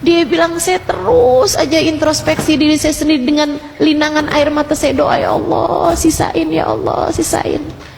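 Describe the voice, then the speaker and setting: A woman's voice: high voice, fairly even intonation, creaky, a little hiss or hum, voice pushed up. Woman voicing a tearful remorseful wife. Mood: pleading. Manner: slow, soft, tearful delivery. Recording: reverberant hall with music.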